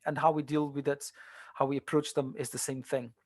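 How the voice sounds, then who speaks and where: A man's voice: mid-range voice, level tone, fairly quick, darkish tone, no echo, studio quality. A man tutoring translation students in a seminar, talking in a conversational way with many fillers and restarts. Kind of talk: online seminar lecture.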